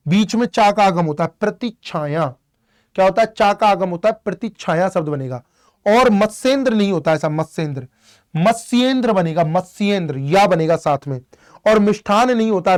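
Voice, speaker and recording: Male tutor with a high voice, drilling exam words with rhetorical questions. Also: darkish tone. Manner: drills each word with repeated rhetorical questions; draws out words slowly for emphasis. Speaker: Hindi teacher. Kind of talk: online exam-prep lesson.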